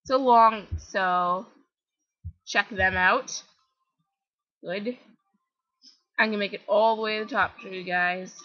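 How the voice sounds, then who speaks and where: A woman's voice: medium pitch, steady tone, slow pace, pauses often, sharp tone. A teenage girl from Canada with a Canadian accent, rambling chattily and self-mockingly as she comments on her game. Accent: Canadian English. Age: teens. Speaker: gaming vlogger. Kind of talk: casual gameplay commentary. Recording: slightly dull lo-fi home recording.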